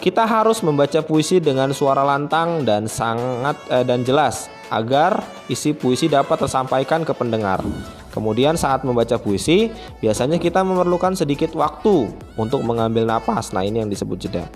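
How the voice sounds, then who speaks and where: Man, primary school teacher, online lesson for children, friendly, chatty, mid-pitched voice. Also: lively intonation, moderate pace, soft background music. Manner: chatty, friendly, often starts phrases with a filler.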